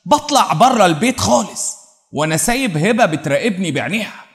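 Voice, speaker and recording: A man's voice: sits high, big pitch swings, quick pace. A man with an Egyptian accent reading a dramatic first-person story aloud, emotional and theatrical.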